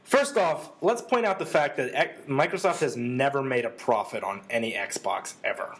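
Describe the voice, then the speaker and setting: A man's voice: medium pitch, expressive, normal speed, fairly bright tone. A man co-hosting a casual gaming chat show, talking at length with a sarcastic, lecturing manner. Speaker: podcast co-host.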